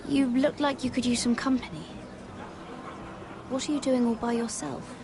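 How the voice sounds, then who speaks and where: A woman's voice: a little high, steady tone, noisy background, lightly acted. An actress voicing a poised young noblewoman in a video game, polite and probing. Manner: polite, measured, questioning. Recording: music behind the voice.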